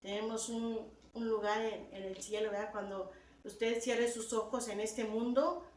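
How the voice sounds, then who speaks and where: A woman preaches to her congregation with a somewhat high voice, turning to her listeners again and again and building to emphatic peaks. The church hall is very echoey, and she sounds distant from the microphone. A faint noise sits under the recording. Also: steady tone, a little slow, a little mellow. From Latin America. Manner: repeats "hermanos" and "verdad" constantly, rising to emphatic peaks. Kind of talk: sermon.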